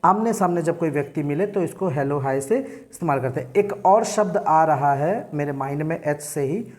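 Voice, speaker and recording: A man's voice: on the high side, lively intonation, moderate pace, a little mellow. Guy teacher explaining english words, keeps asking if you got it. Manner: keeps checking if students understood. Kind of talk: classroom lecture.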